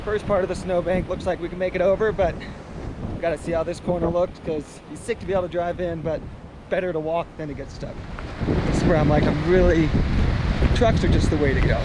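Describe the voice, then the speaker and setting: A high-voiced man talks excitedly to the camera while out on a river trip, his words cutting through loud rushing water and wind. He sounds stoked and casual, with an easy vlogger's energy. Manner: excited, hyped, shouting whoops. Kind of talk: casual outdoor vlog narration. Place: outdoors by a river and snowy road.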